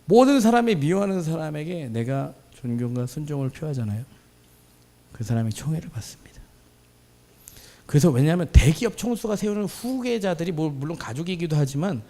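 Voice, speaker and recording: A man in his thirties preaching with lively energy, swinging his voice as he acts out the people in his stories. He has a mid-range voice and speaks to a youth congregation in a church. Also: on the high side. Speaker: pastor. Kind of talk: sermon with acted-out anecdotes. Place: church hall.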